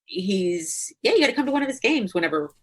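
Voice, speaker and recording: A woman's voice: medium pitch, very animated, fairly quick. A middle-aged woman hosting a casual podcast, chatting with many fillers and frequent laughs. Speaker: podcast host.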